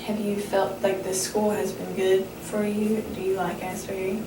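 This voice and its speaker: A woman speaking as a counselor in a conversational role-play, measured and reassuring as she asks questions. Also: medium pitch, level tone. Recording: echoey, distant, noisy room recording.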